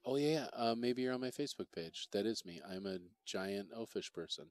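A man giving relaxed, chatty commentary on a pool match, reading out viewer comments as he goes. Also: fairly low pitch, a little fast. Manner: easygoing, chatty, reads viewer chat aloud. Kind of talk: relaxed live play-by-play commentary.

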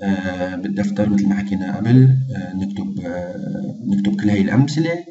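A man teaching a casual lesson, slowly repeating each phrase. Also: low-pitched, animated, far from the mic, noisy background. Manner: slow, patient, repeats each phrase twice. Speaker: language teacher. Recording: dull, echoey room, off-mic.

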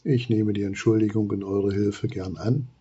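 A man reading aloud, voicing a worried female termite queen who talks anxiously, in a husky voice. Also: lowish voice, steady tone, moderate pace, dark tone, muffled recording. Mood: relieved. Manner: anxious, pleading.

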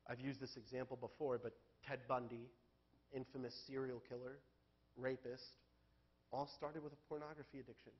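A pastor preaches in church with a medium-pitched voice, and the audio has its highs cut off. He starts out candid and conversational, then climbs to loud, emphatic peaks.

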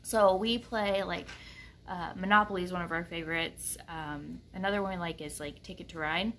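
A woman's voice: on the low side, fairly even intonation, moderate pace, fairly bright tone. Woman, thirties, home vlogger; loose chatty delivery, faint background hum. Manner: chatty, rambling, many fillers. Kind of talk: casual chat to camera. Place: kitchen at home, indoors.

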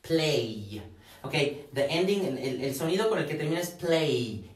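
A man teaching a pronunciation lesson in a classroom, repeating words slowly for his students to drill. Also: a little high, lively intonation. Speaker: English teacher. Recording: echoey room, mic at a distance.

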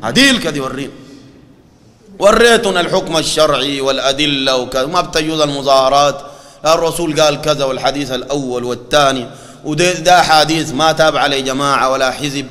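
A Sudanese-accented man preaches in a lively, mocking way and quotes scripture often. His voice is high and bright and he talks fast. The sound carries a long hall reverb. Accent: Sudanese Arabic. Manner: animated and mocking, quoting scripture. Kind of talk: colloquial sermon.

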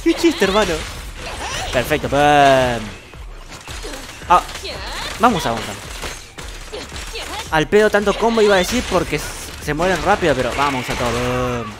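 A man with an Argentine accent giving excitable, boastful gameplay commentary at his computer, swearing casually. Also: a little high, normal speed, long pauses, background noise. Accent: Argentine Spanish. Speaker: gaming streamer. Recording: loud game music behind voice.

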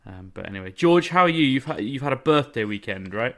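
British guy hosting a podcast, chatty, lively up and down voice. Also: medium pitch, quick pace. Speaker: podcast host, journalist.

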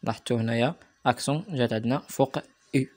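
Moroccan guy teaching kids french accents online, says words real slow and repeats them, mid voice. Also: mid-range voice, a little mellow. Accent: Moroccan Arabic. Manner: spells words out slowly and repeats them for pupils. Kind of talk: remote lesson for primary pupils.

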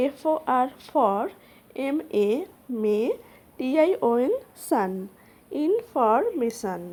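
Woman teacher spelling words out slow, kinda high, soft warm tone. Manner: spells words letter by letter, repeats meanings. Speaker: English teacher, channel host. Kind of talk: slow spelling-and-meaning lesson.

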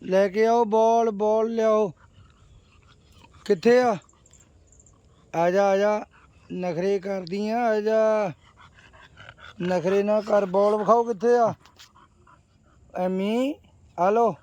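A man's voice: sits high, fairly even intonation, drawn-out words, long pauses, mellow, dull audio. A man, casually coaxing his dog with short repeated commands in a home video. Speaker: dog owner showing his pet.

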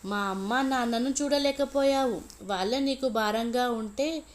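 A woman's voice: fairly high pitch, a little slow, close to an everyday voice. A woman storyteller voicing a grown man, a husband who speaks in a dry, cutting, matter-of-fact way, in a storybook reading. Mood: dismissive.

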